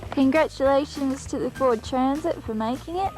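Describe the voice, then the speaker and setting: A woman with a fairly high voice narrates a van trip with wry, gently mocking remarks. The sound has the worn quality of an old VHS camcorder tape, with clear music behind her. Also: normal speed, rough recording. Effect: old VHS camcorder tape audio. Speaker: traveller narrating a road trip. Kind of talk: casual home-video narration. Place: in a van on mountain roads. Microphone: camcorder mic.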